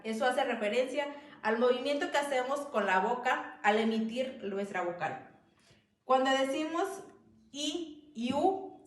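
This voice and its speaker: Slow, careful woman explaining in an echoey room. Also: a little high. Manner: slow, careful, stresses example sounds. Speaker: student presenter. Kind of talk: educational explanation.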